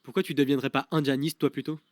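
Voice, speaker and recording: A man acting in a comedy web series, teasing and quick-witted. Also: mid-range voice, level tone, dry recording.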